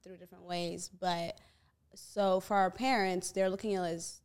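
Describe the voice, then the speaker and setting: A young woman from Ethiopia talks as a guest on a casual podcast. Her voice sits a little low for a woman, and she rambles in a relaxed way, stringing thoughts together with "like" and "you know". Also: normal speed, clean tone. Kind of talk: casual chat.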